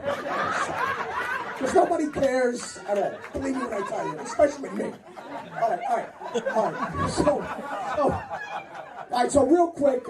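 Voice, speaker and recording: A man's voice: high voice, reverberant, heavy background noise. A man in his fifties doing a rambling, profane stand-up routine on a comedy club stage, cutting off hecklers as he goes. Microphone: handheld stage mic. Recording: distant mic, loud crowd laughter.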